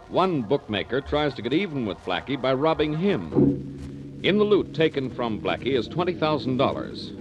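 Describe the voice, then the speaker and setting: Male announcer, old radio show, formal recap voice, lively inflection, lo-fi with music behind. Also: mid-range voice. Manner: measured, formal announcer delivery. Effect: old radio show broadcast sound.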